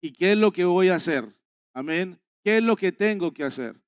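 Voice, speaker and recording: A man's voice: sits high, animated, moderate pace, smooth, no room sound. A man preaching a sermon as pastor at a church service, earnest and exhorting, repeating phrases for emphasis.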